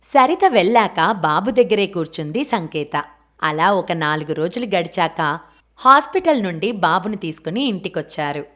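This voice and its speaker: A woman narrating a novel aloud for an audiobook in a steady, clear storytelling manner. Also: fairly low pitch, moderate pace.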